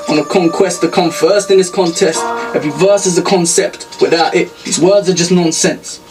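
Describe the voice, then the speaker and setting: A man with a British accent rapping an intense verse full of wordplay. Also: sits high. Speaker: rapper. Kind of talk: rap verse over a beat. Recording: loud beat under the vocal. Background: loud backing music.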